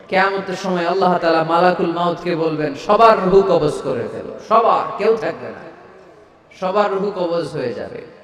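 A man's voice: on the high side, roomy sound, far from the mic. A man preaching a sermon to a large crowd, calling out questions for them to answer and chanting verses of scripture.

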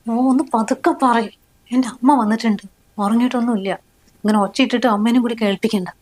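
Woman acting as a worried young wife, bit high voice, keeps begging him to hush. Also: fairly even intonation, fast, natural voice. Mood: pleading. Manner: pleading, tries to hush her husband. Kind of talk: short film acting.

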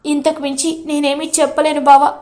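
A woman's voice: sits high, little pitch movement, brisk, darkish tone, natural voice. A woman voicing an upset young bride-to-be. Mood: urgent.

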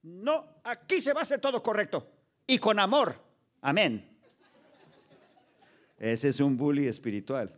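The pastor, roughly fifty, born in Los Angeles and carrying a Mexican-American accent, speaks with a high-sitting voice, lively intonation and a measured pace, pausing often. On stage in a large indoor hall with a stand microphone, he preaches a humorous sermon to a children's ministry, acting out dialogue and mixing in English.

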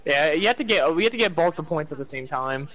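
A young man chatting casually with a friend while gaming, laid-back and quick to laugh. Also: on the high side, animated, fairly bright tone, dull audio. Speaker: gamer.

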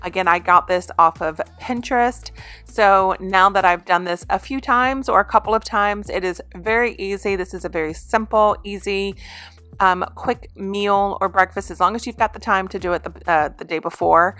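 A woman's voice: medium pitch, moderate pace, bright, forceful tone, dry recording, soft background music. A woman in her thirties talking casually about her meal prep as a home vlogger, with many ums and restarts. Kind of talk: casual voice-over narration.

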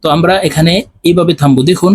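A man teaching Quran recitation, spelling Arabic letter by letter and then chanting the verses slowly and drawn out. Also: on the high side, fairly even intonation, darkish tone, husky. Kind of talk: spelling lesson with slow recitation.

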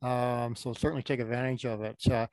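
A man's voice: mid-range voice, little pitch movement, brisk, a little mellow, no room sound, poor audio. A man moderating a question session on a video call, reading audience questions aloud from the chat.

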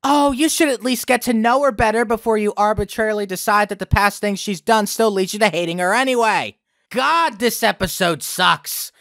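A man's voice: sits high, moderate pace, a bit bright, no echo, clean studio sound. A young man hosting a review video, with sarcastic, profane ranting commentary. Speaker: video critic host.

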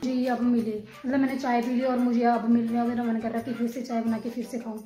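A young woman from Himachal Pradesh, India, vlogs her day on a handheld phone, chatting playfully with viewers as she walks through village fields and her home. Her voice is fairly high and dark in tone, delivered fast and flat.

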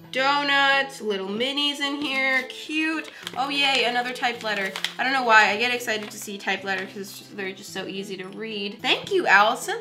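A woman hosting an unboxing vlog, chatting excitedly with frequent giggles and gushing exclamations. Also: on the high side. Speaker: craft YouTuber host.

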